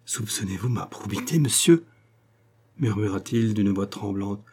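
A man's voice: on the low side, normal speed, warm tone, slightly rough. A man voicing an honest, timid old head clerk in an audiobook, speaking in a trembling, wounded way. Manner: trembling, embarrassed, then indignant. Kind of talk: audiobook character reading.

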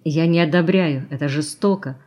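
A woman voicing a soft-spoken young man who sounds quietly bitter and reproachful, in an audiobook. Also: deep voice, normal speed, muffled recording.

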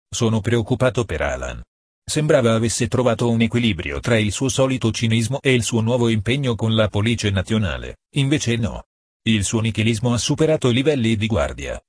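A man reading a novel aloud as narrator, in a steady, measured way. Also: fairly low pitch, slightly rough, no echo, studio quality. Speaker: audiobook narrator. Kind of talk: scripted narration.

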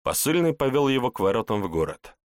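A man's voice: medium pitch, big pitch swings, fast, dry recording, studio quality. A man narrating a scripted fantasy story as an audiobook reader.

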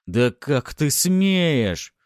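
A man's voice: sits low, lively intonation, measured pace, no room sound, studio quality. A man reading an audiobook, voicing a brutal, domineering husband who growls threats at his wife. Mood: menacing.

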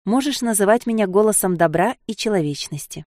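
A woman voicing a gentle, anxious female inner voice of kindness that speaks softly and pleads. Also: mid-range voice, animated, brisk, no room sound, studio quality, lightly acted. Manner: soft, fretful, pleading.

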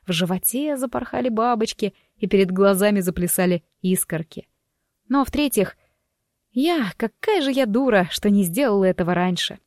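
A woman's voice: mid-range voice, darkish tone, no room sound, studio quality. A woman narrating an audiobook in the first person, reading expressively and livening up her own quoted dialogue.

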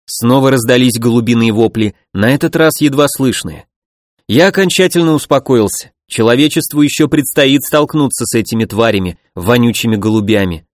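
A male narrator reads a first-person fantasy audiobook at a mid-range pitch. His delivery is steady and even, and the recording is dry and close with no room sound. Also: fairly quick, dry recording.

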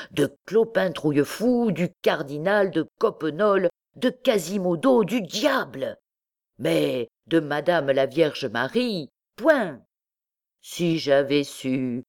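A man's voice: on the high side, darkish tone. A woman reading the part of an irritated, proud medieval male poet who grumbles and complains theatrically.

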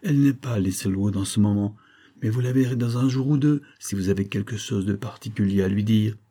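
A man voicing a proud noblewoman in an audiobook, calm and commanding. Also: lowish voice, a little fast, close to an everyday voice. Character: proud, dark-eyed noblewoman, composed. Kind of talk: audiobook character reading.

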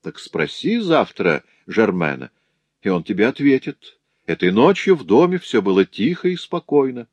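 A man's voice: on the low side, big pitch swings, normal speed, no room sound. A man reading a story aloud, voicing a lecherous male master who mocks and threatens a young woman. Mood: sneering menace. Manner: sneering, taunting.

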